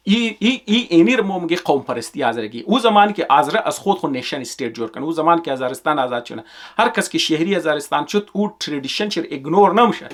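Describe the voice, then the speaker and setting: A man with a Hazaragi accent delivers a political monologue. He argues emphatically and circles back to his points. His voice sits slightly high for a man. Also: expressive. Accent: Hazaragi Dari. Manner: emphatic, repetitive, argumentative. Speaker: commentator.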